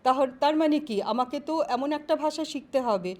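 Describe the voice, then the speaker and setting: High-voiced woman professor explaining patiently. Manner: measured, explanatory, with frequent pauses and fillers. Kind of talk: career guidance interview.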